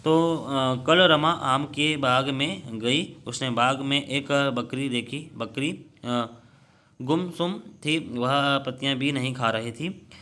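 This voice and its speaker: A young man teaching children, reading a workbook story aloud with many halting restarts and fillers, then going through the answers. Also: medium pitch, sharp tone.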